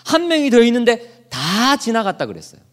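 A man's voice: very high voice, wildly swooping pitch, fairly quick. A man preaching as a pastor, asking his congregation questions and leading them in reading aloud together. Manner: asks the congregation questions and leads group readings; acts out quoted lines. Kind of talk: sermon.

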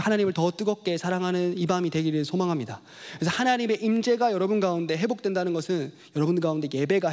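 A man preaching a sermon to his congregation, telling a childhood story in an animated way and acting out voices. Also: sits high. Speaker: pastor.

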